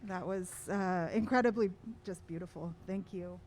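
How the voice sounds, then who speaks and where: A woman serves as emcee at an outdoor street memorial gathering. She introduces a performer in a personal, unhurried way, with easy fillers. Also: fairly low pitch, a little mellow, a little hiss or hum. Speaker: event emcee.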